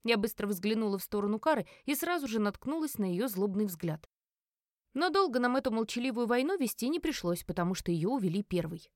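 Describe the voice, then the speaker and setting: A woman narrating a first-person fantasy novel as an audiobook, with an expressive, emotional delivery. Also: a little high, brisk, dry recording.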